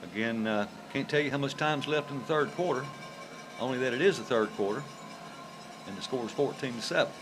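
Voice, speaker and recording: A man calls a local football game in an informal, folksy style. His voice is medium in pitch and conversational. Clear stadium noise sits behind the live commentary. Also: brisk. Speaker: play-by-play announcer for high school football.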